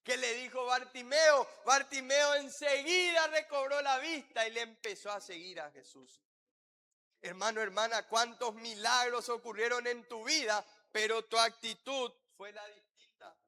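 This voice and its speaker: A man's voice: very high-pitched, unhurried, pushed and bright. A man preaching as a pastor, fervently leading prayer and calling out to the congregation in a church. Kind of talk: sermon with prayer. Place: church hall. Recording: reverberant church hall.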